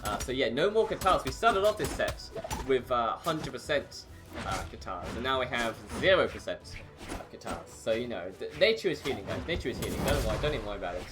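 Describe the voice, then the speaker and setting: A man's voice: mid-range voice, lively intonation, fast talker. A man doing fighting game play-by-play as a tournament commentator, casual and hesitant, often repeating himself mid-phrase. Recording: game music behind the voice. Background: game music.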